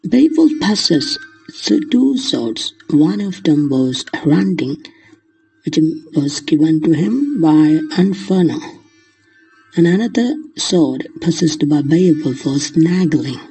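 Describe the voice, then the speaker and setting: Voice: medium pitch, expressive, slow, dark tone, slightly rough, faint music behind, poor audio. A lecturer explaining literature in the manner of a lesson, glossing terms in simple words along the way.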